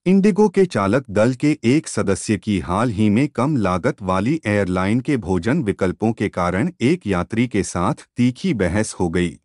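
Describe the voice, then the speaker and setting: A man reading a news story as a scripted voice-over in a measured way. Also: fairly low pitch, very animated, a little mellow, no room sound, studio quality. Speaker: news narrator.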